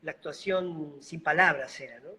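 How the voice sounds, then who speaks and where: Crowd noise runs behind a middle-aged Buenos Aires man, a mime and clown actor, as he calmly tells stories in a casual video-call interview. His soft Argentine accent has a slightly Bolivian lilt, and his gentle, unhurried speech is full of diminutives. His voice is a little high.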